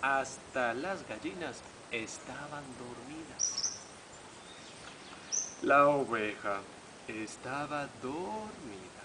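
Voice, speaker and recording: A man reading a children's story aloud in an animated way, speaking to young listeners and imitating the animal sounds. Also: medium pitch, extremely slow, long pauses. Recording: noisy home video recording.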